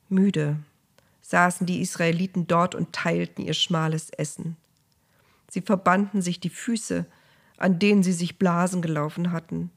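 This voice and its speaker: A woman narrating a Bible story in a measured, vivid storytelling manner. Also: fairly low pitch, fairly bright tone.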